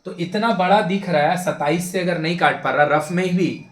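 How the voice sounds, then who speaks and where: A young male maths teacher, briskly lecturing a class and repeating his points insistently. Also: sits high. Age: young adult. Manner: brisk and insistent, repeats himself, prods students. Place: classroom with a board. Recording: echoey classroom.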